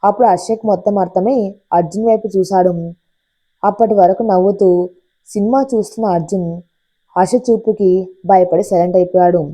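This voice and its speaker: A woman narrating an audiobook story with expressive storytelling. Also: mid-range voice, normal speed, pauses often.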